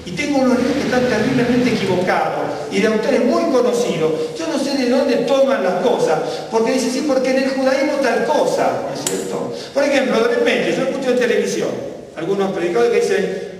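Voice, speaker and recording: A man's voice: extremely high pitch, animated, fairly quick, darkish tone, a little hiss or hum. A man, a Bible teacher, explains Hebrew words in a sermon-style talk and keeps checking whether his listeners follow. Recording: echoey hall, voice from far off.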